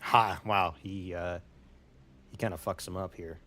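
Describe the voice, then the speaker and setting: A man's voice: low-pitched, steady tone, a little slow, pushed and bright. A man running a tabletop game as game master, narrating the action casually with frequent swearing.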